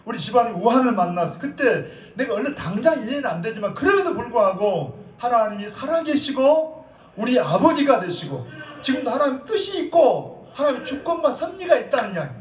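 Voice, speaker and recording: A man's voice: very high voice, very animated, a little fast. A male senior pastor preaching a sermon and putting questions to the congregation, who answers him. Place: church sanctuary. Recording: distant echoey church sound, slightly dull.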